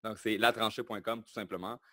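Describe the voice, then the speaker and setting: A man with a Québécois French accent talks in a lowish voice, sounding self-assured and lively as he explains things plainly. The recording is dry and close, with no room sound around him. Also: fairly quick, no echo. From Quebec, Canada. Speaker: guest, online marketing entrepreneur. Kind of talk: casual interview talk.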